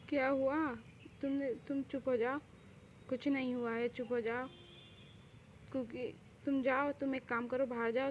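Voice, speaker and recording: A gentle young man hushes and soothes in a low murmur, as a young woman puts him on. Her high voice stays quiet and tender in a dull, lo-fi recording. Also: slight background noise, lightly acted.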